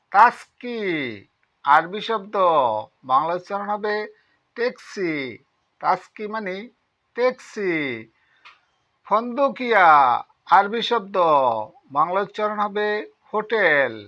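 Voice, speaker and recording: A man teaching vocabulary with slow, repetitive word-by-word drilling. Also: high voice, pushed and bright, lo-fi sound. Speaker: language teacher. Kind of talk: vocabulary lesson.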